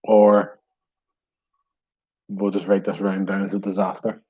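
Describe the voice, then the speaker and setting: A man running a pub quiz from home, with a low, mellow voice and a wry, self-mocking manner. The sound is dull and lo-fi. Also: flat delivery, unhurried, slightly rough. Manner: wry, self-deprecating, chuckling. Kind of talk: casual online quiz hosting.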